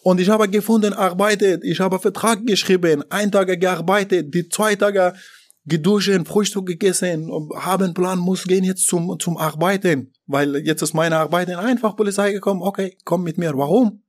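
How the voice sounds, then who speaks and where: A man from Afghanistan, not a native German speaker, talking in an interview in halting, broken German with many fillers and restarts. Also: sits high, fairly even intonation. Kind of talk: interview about his deportation.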